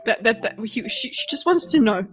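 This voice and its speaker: A woman's voice: on the high side, lively intonation, a little fast, fairly bright tone, faint music behind. A woman hosting a livestream, reacting to a debate clip with blunt, exasperated, pleading asides and some swearing. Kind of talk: casual reaction commentary.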